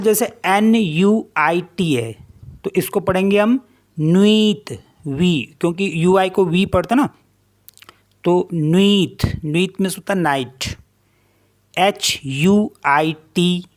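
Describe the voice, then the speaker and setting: A teacher giving a French pronunciation lesson, spelling each word letter by letter and then repeating how it is read. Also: medium pitch. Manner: slow, deliberate explanation. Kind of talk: online language lesson.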